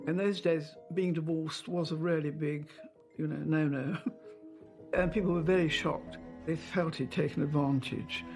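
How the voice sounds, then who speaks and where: An older woman in an interview, reminiscing in a chatty, anecdotal way with halting asides. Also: sits low, fairly even intonation, over music. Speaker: interviewee, royal insider.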